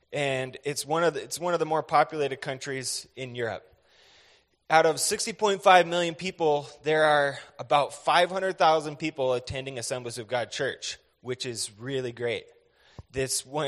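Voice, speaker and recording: A man's voice: fairly high pitch, a bit bright. An American man in his thirties giving a church missions presentation, earnest and conversational with many fillers. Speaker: missionary speaker. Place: church sanctuary. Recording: echoey hall with long reverb.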